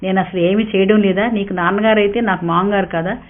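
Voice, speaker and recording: A woman's voice: medium pitch, steady tone, a little fast, close to an everyday voice. A woman voicing a proud young working wife who argues in a heated, defiant way. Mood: angry. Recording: tinny narrow-band sound.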